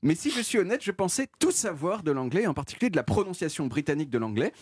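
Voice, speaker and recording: A man's voice: on the high side, sing-song, quick pace, noisy background. A man giving a playful, self-mocking radio segment into a studio mic, explaining things. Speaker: radio columnist.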